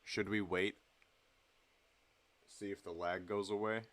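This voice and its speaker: A young man chatting casually on a late-night game stream, relaxed and rambling with lots of fillers. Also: fairly low pitch, slow pace.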